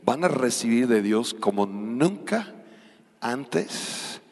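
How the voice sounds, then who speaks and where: A male pastor preaching a charismatic sermon, surging loud and dropping quiet. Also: medium pitch, very animated, slow, gravelly. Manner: preaches with sudden loud surges and quiet drops. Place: church hall. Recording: long hall reverb.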